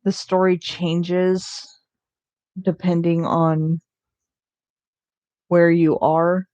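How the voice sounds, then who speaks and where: Young woman vlogger, unhurried meandering talk, slightly low voice, casual cursing. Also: flat delivery, mellow, no echo. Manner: rambling with many ums and restarts, casual swearing. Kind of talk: rambling casual chat about shows.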